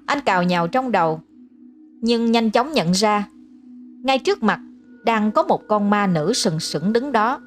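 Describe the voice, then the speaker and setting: A woman telling a scripted ghost story in a steady, even narration. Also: mid-range voice, a little slow. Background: faint music.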